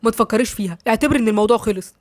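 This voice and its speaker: A woman's voice: a little high, racing, no echo, natural voice. A woman voicing a firm, level-headed young man in Egyptian Arabic, reasoning with his family. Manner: firm, reasoning, sometimes raised.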